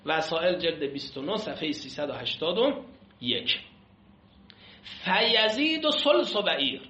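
High bright male teacher, echoey classroom. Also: sing-song, slight background noise. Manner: reads Arabic text aloud then explains it in Persian, quizzes the class. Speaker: seminary teacher. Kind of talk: classroom lecture on an Arabic legal text. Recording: echoey room, muffled lo-fi sound.

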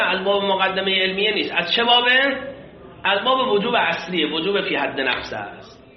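A man's voice: on the high side, roomy sound, highs cut off. A man teaching a religious law lesson from an Arabic text, explaining patiently, repeating terms and asking and answering his own questions, with polite formal fillers. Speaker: seminary teacher.

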